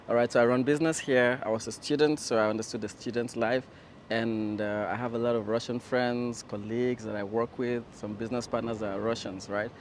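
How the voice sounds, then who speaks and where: A man's voice: medium pitch, a little mellow, a little hiss or hum. Confident businessman in a street interview.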